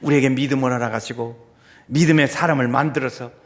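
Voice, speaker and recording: A man preaching a sermon as pastor, swinging between loud exclamations and quiet asides. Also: mid-range voice, fairly even intonation, quick pace, in a large hall. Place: church sanctuary.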